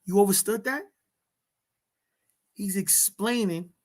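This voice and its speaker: Slow-talking reader going through a text out loud, stops to explain stuff in a laid-back way, mid-pitched voice. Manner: reads passages, then explains them in casual speech; slow, deliberate delivery. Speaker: reader leading a study session. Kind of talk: reading a text aloud with commentary.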